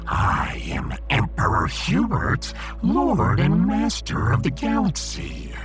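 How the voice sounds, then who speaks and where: A man's voice: mid-range voice, wildly swooping pitch, takes it slowly, exaggerated voice. A man voicing a pompous, deranged alien fish who rules as emperor, speaking grandly and formally in a sci-fi audiobook. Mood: pompous, imperious. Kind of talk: sci-fi audiobook character acting. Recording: music behind the voice.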